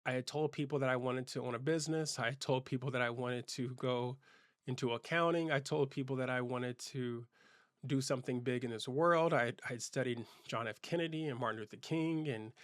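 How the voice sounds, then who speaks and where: A man's voice: mid-range voice, brisk, no echo, clean studio sound. A man from Southern California, a keynote speaker and channel host, telling his life story in an earnest, reflective way, often restarting his sentences. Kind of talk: personal storytelling monologue.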